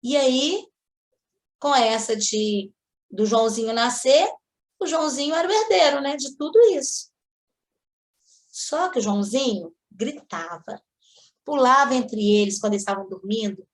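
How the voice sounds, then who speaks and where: Woman, study-group speaker, higher voice, animated storyteller. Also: normal speed, long pauses. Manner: lively storyteller acting out quoted lines. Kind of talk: spiritist study talk, storytelling.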